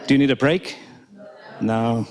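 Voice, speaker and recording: At a conference hall with a live audience, a man from Finland gives a keynote talk, chatty and hesitant, laughing often. He speaks with a Finnish accent, being a native speaker of both Finnish and Swedish. His mid-range voice moves at a measured pace over crowd noise.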